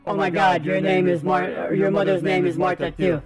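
High-voiced excitable streamer on headset mic. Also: male voice, moderate pace, over music. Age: 30s. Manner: excitable, swearing, talks to himself and chat. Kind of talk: gaming livestream commentary. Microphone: livestream headset mic.

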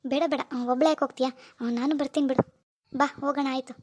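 A woman voicing a caring young man who comforts his grieving wife in an animated village drama. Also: high-pitched, fast, noisy background, pitched below the performer's own voice, natural voice. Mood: insistent. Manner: soothing, protective.

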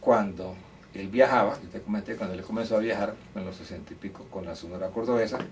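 With a lowish voice and a quick pace, an older man from Córdoba, Colombia, spins stories from his years as a musician. The relaxed interview is chatty and anecdotal, with hesitant restarts. He sits indoors beside a grand piano, and the faraway mic captures faint room noise.

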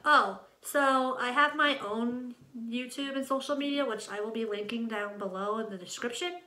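At a normal speed, her voice is on the high side, pushed and bright, with slight background noise. A nineteen-year-old from Ohio chats casually to camera in a vlog, introducing herself as channel host in a rambling way with frequent self-interruptions, in an echoey, untreated small room at home.

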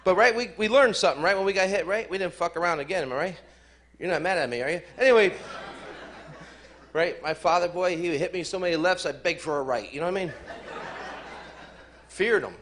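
A man's voice: high voice, a little fast, pauses often, fairly bright tone. A man doing a stand-up set in a comedy club, brash and profane, teasing the crowd. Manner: brash, profane, teases the audience. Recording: live club recording with room noise.

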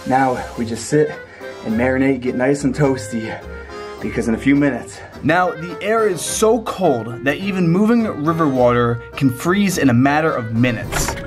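A young man narrating his travel vlog with excited energy, partly outdoors in winter and inside a sauna. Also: mid-range voice, normal speed. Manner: enthusiastic, excitable, shouts and laughs in the cold. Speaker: travel vlogger. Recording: vlog with clear background music.

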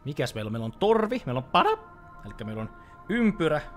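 A man's voice: on the high side, big pitch swings, faint music behind. A young Finnish man commentating a horror game as he plays, chatty and easily startled, swearing when scared. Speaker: let's play host. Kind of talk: live gameplay commentary.

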